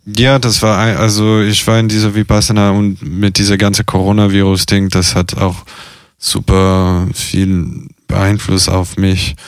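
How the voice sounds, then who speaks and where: A young man speaks in a low, smooth, resonant voice at a very unhurried pace. He hesitates a lot, filling gaps and restarting sentences. The sound is close and dry. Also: monotone, no echo. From half Italian. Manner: slow, hesitant, many fillers and restarts. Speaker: interviewee, circus artist and carer. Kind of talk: casual personal interview.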